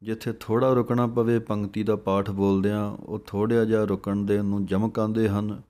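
A man's voice: on the low side, flat delivery, normal speed, dark tone. A man with a Punjabi accent teaching careful scripture pronunciation, sounding words out syllable by syllable and then explaining them. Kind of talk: slow, careful recitation lesson.

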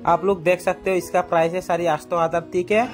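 Over background music, a young man's high-sitting voice delivers quick, flat market-vlog narration into a phone at arm's length. Strolling an outdoor market, he chats with his viewers, addresses them as "guys," and checks prices.

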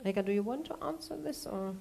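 A woman's voice: a little high, lively intonation, vocal fry, mellow, slightly rough. A woman in her thirties moderating a panel discussion, prompting speakers and reading a question. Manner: brisk, prompting. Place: large room with a seated audience. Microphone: clip-on lapel mic.

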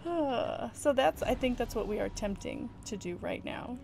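With game music in the background, a woman co-hosting a let's play of a couch co-op game laughs a lot and explains quests in detail. Her voice is a little high, expressive and gravelly, at a moderate pace.

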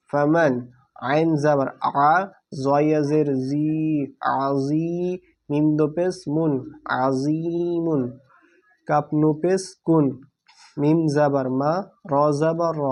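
Slow, steady man teaching Quran letters. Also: on the high side. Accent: Bangladeshi Bengali. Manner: spells out letters and vowel marks syllable by syllable; slow, drawn-out, deliberate delivery. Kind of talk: slow spelled-out recitation lesson.

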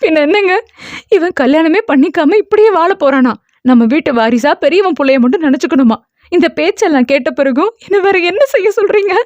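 A tearful, anxious mother, played by a woman reading an audio novel, her voice pitched high and pleading. She scolds and frets at her son. The dull, dry recording has no room sound. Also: big pitch swings, quick pace, darkish tone, no echo.

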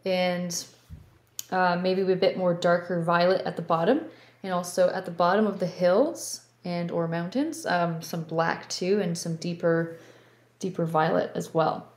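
A woman with a Canadian accent, a painting instructor talking through each brushstroke in a relaxed, step-by-step way. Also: on the low side, measured pace. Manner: relaxed, thinking aloud while working. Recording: roomy studio with faint background hum.

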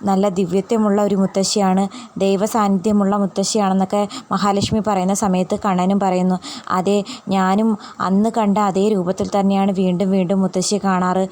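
Flat-voiced woman recapping a serial. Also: medium pitch, fairly quick. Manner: retells scenes with quoted dialogue, frequent fillers and restarts. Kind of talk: casual spoken recap of a TV serial.

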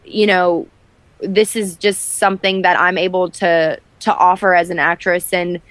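A woman's voice: lowish voice, little pitch movement, unhurried, fairly bright tone, dry recording. A woman in her twenties, an actress guest chatting candidly in an interview, full of fillers and restarts. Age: 20s. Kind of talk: casual interview chat.

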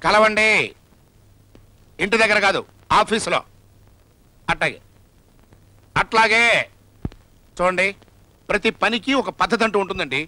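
A man's voice: sits high, a little slow, long pauses, bright, forceful tone, full character voice. An actor playing a doting rich father who fusses over his daughter and gives in to her in a film comedy. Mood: businesslike. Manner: fond, fussing, then giving in. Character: doting rich father, fussy about fashion.

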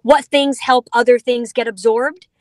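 Her voice on the high side and steady in tone, a middle-aged woman speaks a little slowly in a dry recording. On a video call from inside a vehicle, this dog food company representative enthusiastically explains the product with playful asides.

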